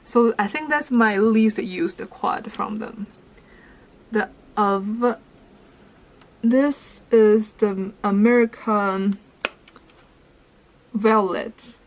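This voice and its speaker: Young woman chatting slow about her makeup, lots of um and like. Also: mid-range voice, a little hiss or hum, low-quality recording. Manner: unhurried, thinking aloud with fillers. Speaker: beauty vlogger. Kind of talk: casual makeup declutter vlog.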